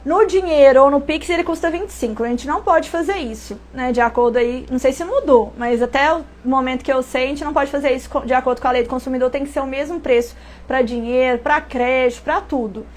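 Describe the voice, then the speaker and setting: A high-voiced Brazilian woman teaching pricing in a relaxed, live-stream manner. She talks in a chatty way, stops to correct herself and throws rhetorical questions at her viewers. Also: fast. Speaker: online sales and pricing instructor. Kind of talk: casual live-stream tips.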